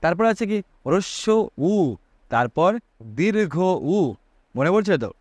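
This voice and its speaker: A man's voice: high voice, expressive, measured pace, no echo, studio quality. A man teaching a Sanskrit grammar lesson, asking his students rhetorical questions and drawing out vowel sounds to show their length.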